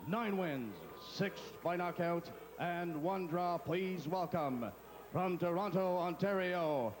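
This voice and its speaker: Booming bilingual boxing ring announcer man. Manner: booming, drawn-out announcer delivery. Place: indoor boxing arena.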